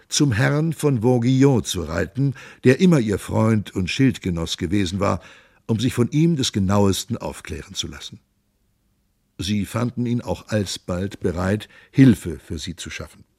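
Man reading an old novel aloud, gravelly voice, measured. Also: on the low side, expressive, a little mellow, no echo, clean studio sound. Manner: measured, storytelling delivery. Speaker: audiobook reader. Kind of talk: scripted narration of a comic classic novel.

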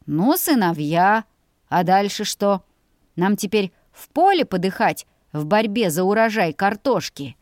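A woman's voice: medium pitch, expressive, a little slow, dry recording, clean studio sound, natural voice. A woman voicing a crude, greedy teenage older brother who sneers and threatens. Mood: mocking. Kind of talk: audiobook character voice.

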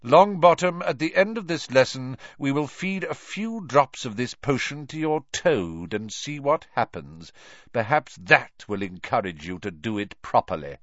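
A man's voice: mid-range voice, animated, unhurried, no echo, lo-fi sound, voice pushed up, close to an everyday voice. A man voicing a cold, scathing male teacher scolding his pupils in a storybook reading. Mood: cold scorn.

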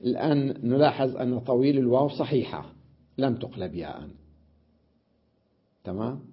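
A man's voice: mid-range voice, big pitch swings, normal speed, breathy edge, muffled recording. A man teaching an Arabic grammar lesson, explaining step by step, repeating words and checking with his students.

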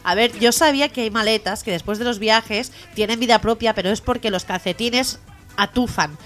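Female radio co-host, lively joke teller, higher voice, faint music behind. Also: moderate pace. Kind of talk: telling jokes on radio.

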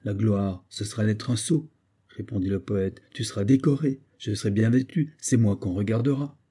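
A man voicing a witty, self-assured young poet who lectures his friend mockingly, in a dark, husky voice pitched up. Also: normal speed.

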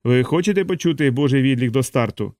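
A man's voice: medium pitch, expressive, fast talker, a little mellow, no room sound, close to an everyday voice. Guy reading a folksy preacher working a crowd, dry close sound. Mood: preaching. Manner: preaching, rhetorical questions to a crowd. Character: folksy revivalist preacher, earnest and rousing.

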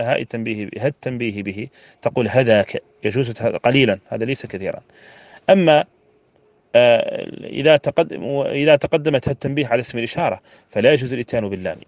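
A man's voice: medium pitch, dry recording. A man from Mauritania, a scholar lecturing on grammar and repeating key phrases for emphasis. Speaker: Islamic scholar teaching grammar. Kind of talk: classroom lecture explaining a verse text.

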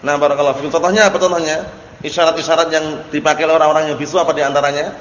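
A man's voice: on the high side, fairly even intonation, very fast, a bit bright, highs cut off. A man teaching a religious study class, explaining Arabic text and often asking his students questions. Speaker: Islamic teacher. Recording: echoey hall recording with faint noise.

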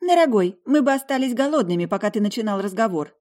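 A woman voicing a feisty young noblewoman who turns loud, shrill and bossy when provoked. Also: lively intonation, quick pace, lightly acted.

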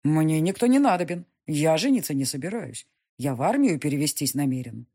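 A woman reading the lines of a stubborn young nobleman arguing with his mother, in her own husky voice with a sullen, insistent manner. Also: sits low, very animated, brisk, warm tone, exaggerated voice.

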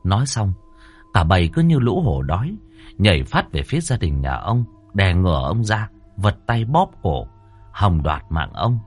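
A man narrating a ghost story audiobook in a measured, dramatic storytelling manner. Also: low voice, sing-song, slightly rough, soft background music.

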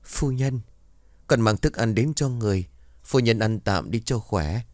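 A man's voice: fairly low pitch, a little slow, no room sound, studio quality, voice pushed up, natural voice. A man voicing a young, worried, deferential maidservant in a raised voice. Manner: deferential, polite.

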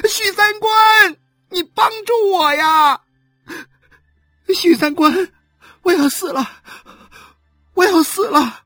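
A woman's voice: a little high, sing-song, slow pace, a bit bright, husky, no room sound, studio quality, soft background music, pitched above the performer's own voice, exaggerated voice. A woman voicing a young wife in agonizing labor who sobs, wails and screams curses at her husband in an audiobook. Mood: wailing in pain. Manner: wailing, sobbing, screaming curses.

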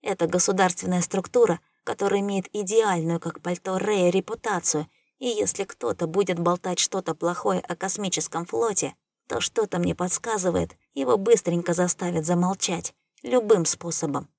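A woman's voice: lowish voice, normal speed, gravelly, darkish tone, dry recording. Woman narrating a space audiobook. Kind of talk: first-person audiobook narration.

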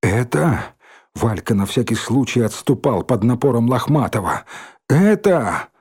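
A man reading a story aloud in an expressive, dramatic narrating style. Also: medium pitch, moderate pace, slightly rough. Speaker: audiobook reader.

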